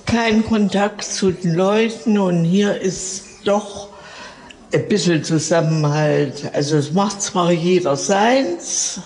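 A woman in her seventies, a resident of assisted living, answering interview questions in a relaxed, chatty way. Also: on the low side, slow, a little hiss or hum, poor audio. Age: 70s. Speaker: care home resident.

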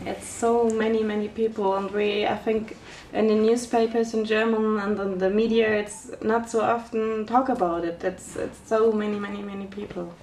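Woman co-host with halting phrasing. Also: mid-range voice, level tone, darkish tone, a little hiss or hum. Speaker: radio co-host. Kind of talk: radio interview hosting.

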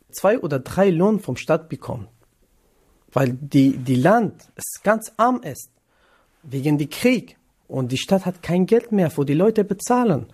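A trainee cook in his 20s from northern Iraq is interviewed on the radio, his warm, slightly breathy voice sitting a bit higher than most men's. He speaks German hesitantly as a non-native, with frequent pauses and fillers.

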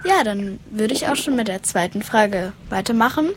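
A woman's voice: mid-range voice, lively intonation, moderate pace, noisy background. A woman hosting a podcast, asking interview questions in a casual, somewhat hesitant way.

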